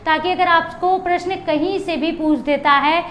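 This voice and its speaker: A woman with a very high, somewhat bright voice teaches grammar for exam preparation, repeating key terms and posing questions she then answers herself. She speaks at a normal speed with fairly even intonation, over slight background noise.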